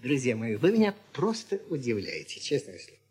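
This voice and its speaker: Man, middle-aged, husky voice, animated ironic lecturing, children's radio teacher. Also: medium pitch, a little fast, faint music behind. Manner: mock-stern, ironic lecturing. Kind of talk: scripted children's radio comedy.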